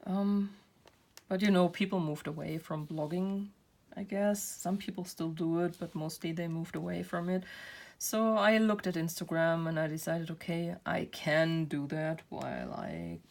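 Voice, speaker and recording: A woman's voice: fairly low pitch, fairly even intonation, normal speed, darkish tone. A woman who hosts a craft channel, chatting casually while she works and rambling with self-deprecating laughs. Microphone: built-in camera mic.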